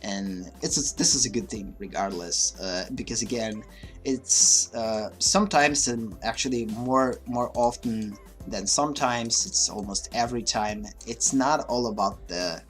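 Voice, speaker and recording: Speaking at a measured pace, a man with a lowish voice and fairly bright tone hosts a livestream with faint music behind. His English has a mixed, slightly Russian accent, since Russian is his first language, and his casual, hesitant monologue is full of fillers and restarts.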